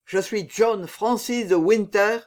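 A man's voice: high voice, slow. A man reading aloud, voicing a vengeful young man disguised as a monk, cold and unforgiving. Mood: merciless.

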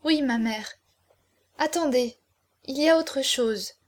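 A woman's voice: high voice, slow, a little mellow. A woman voicing an anguished proud young woman. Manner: intense, pleading then haughty. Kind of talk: audiobook character reading.

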